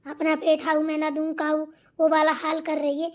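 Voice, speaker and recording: Woman as a bossy cartoon mother-in-law, very high voice, nagging, scolding. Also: monotone, normal speed, a little mellow, lightly acted. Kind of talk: cartoon voice acting.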